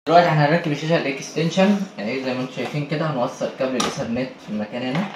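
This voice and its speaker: An Egyptian man with an Egyptian Arabic accent and a mid-range voice talks very fast while presenting an installation video as the installer, giving casual hands-on tutorial commentary. He's indoors in a marble-walled room, captured on a noisy handheld on-site recording with a roomy sound.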